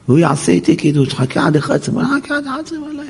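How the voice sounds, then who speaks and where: A man's voice: fairly high pitch, sing-song, vocal fry, a little mellow, breathy edge, pitched above the performer's own voice, full character voice. A man acting out a devout young woman who insists her husband has a good heart. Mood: pleading. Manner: pleading, insistent.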